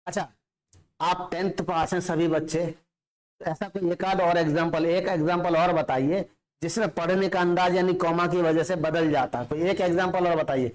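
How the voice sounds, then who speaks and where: A man's voice: on the high side, steady tone, normal speed. Man teaching a classroom chemistry lecture. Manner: explains step by step, often checking understanding.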